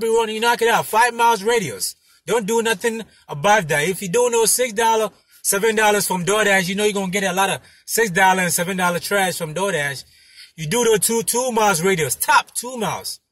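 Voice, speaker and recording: A male delivery driver vlogger gives tips in casual chat to camera from inside a parked car, recorded on a phone mounted in front of him. His high, forceful voice has a husky edge, and he's brisk, emphatic and repetitive, punctuating his talk with "you know." There's no room sound.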